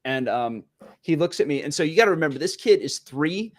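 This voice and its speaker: A man, co-hosting a casual high school football talk show in an excitable, folksy, joking manner. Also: a little fast. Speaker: podcast co-host.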